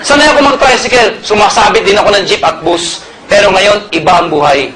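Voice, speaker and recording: Man from Pangasinan, high-pitched motivational seminar speaker, jokey and loud, over a loud crowd. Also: fairly quick. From Pangasinan, Philippines. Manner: energetic, jokey, often shouting to the crowd. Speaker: network marketing speaker. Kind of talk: motivational sales talk to a live audience. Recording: loud crowd and noisy venue.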